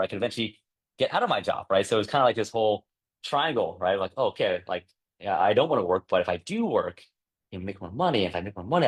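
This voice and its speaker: A man in his thirties presenting a workshop in a casual, chatty way, often tagging "right?" and acting out past conversations. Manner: acts out past dialogue with lively jumps in pitch.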